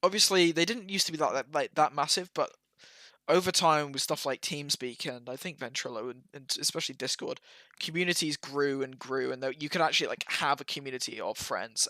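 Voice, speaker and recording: Bright, sweary young man, dry close mic. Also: medium pitch, brisk, no echo. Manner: casual, sweary, animated. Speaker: podcast co-host. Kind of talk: casual chat.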